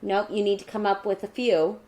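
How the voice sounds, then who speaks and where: A woman's voice: medium pitch, fairly even intonation, a little fast, a little mellow. A woman co-hosting a casual podcast, chatting in a rambling way with lots of "like", and sometimes slipping into a mock newscaster voice. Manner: chatty, rambling with many likes; mock newscaster voice in her cat segment. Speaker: podcast co-host. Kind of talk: casual chat.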